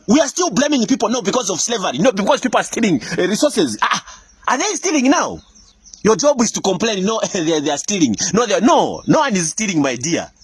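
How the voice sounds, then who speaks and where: A man's voice: sits high, husky, no echo. A man with a Zimbabwean accent delivering an impassioned, preachy monologue that scolds its listeners and is broken up by bursts of laughter. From Africa. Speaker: commentator. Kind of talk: impassioned monologue addressing leaders.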